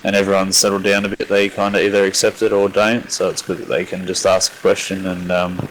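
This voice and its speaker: On a headset mic, this Australian co-host of an online racing broadcast talks in a low-pitched, monotone voice at a fairly quick clip. He's chatty and rambling, leaning heavily on fillers, and the rough recording has a bit of background noise.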